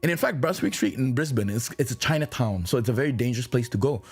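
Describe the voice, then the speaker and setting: Man, Indonesian accent, husky voice, mid-range pitch, earnest motivational vlog storytelling, mixes in Indonesian. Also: animated, fast. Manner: earnest, switching between English and Indonesian. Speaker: vlogger.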